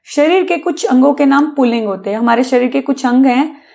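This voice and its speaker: A woman's voice: high-pitched, brisk, vocal fry, mellow. A woman teacher giving a patient grammar lesson to children, often asking questions and answering them herself. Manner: patient, addresses pupils as beta, asks and answers own questions.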